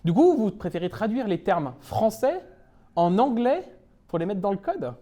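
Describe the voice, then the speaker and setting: Playful French tech speaker with a mellow voice. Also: male voice, sits high, sing-song, normal speed. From France. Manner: playful, self-mocking, chuckles often. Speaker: conference speaker. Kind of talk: humorous tech talk to a live audience. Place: meetup talk room.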